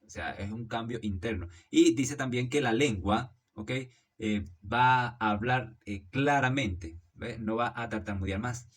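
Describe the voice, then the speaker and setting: A man reading Bible verses aloud and explaining them, in a measured delivery with frequent "eh" fillers and "¿ok?" checks, often correcting himself mid-sentence. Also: mid-range voice. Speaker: Bible teacher.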